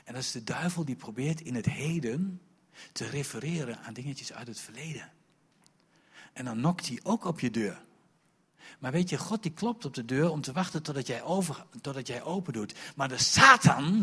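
A middle-aged man preaching a sermon, telling stories in an animated, emphatic way. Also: medium pitch, slightly rough. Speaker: pastor.

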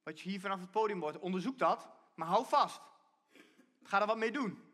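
A man's voice: high-pitched, normal speed, fairly bright tone. A man giving a conversational sermon from a church stage, often restarting and repeating himself as he explains. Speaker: preacher.

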